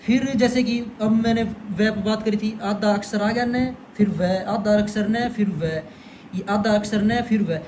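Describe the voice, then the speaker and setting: A man's voice: high voice, fairly even intonation, measured pace, darkish tone, slight background noise. A young man teaching an exam-prep lesson in a chatty way, often calling the viewer "brother". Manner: chatty, repeats "bhai" to the viewer. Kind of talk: casual explainer lesson.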